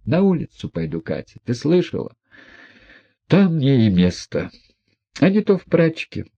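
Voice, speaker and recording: Man doing a proud reckless young woman, high and lively, commanding, dull lo-fi audiobook. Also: measured pace, breathy edge, exaggerated voice. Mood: imperious. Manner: commanding, exclamatory.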